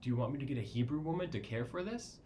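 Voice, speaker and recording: A man's voice: mid-range voice, expressive, fast talker, mellow, a little hiss or hum, pitched above the performer's own voice, natural voice. A man voicing an eager young girl offering help, in a lightly raised voice.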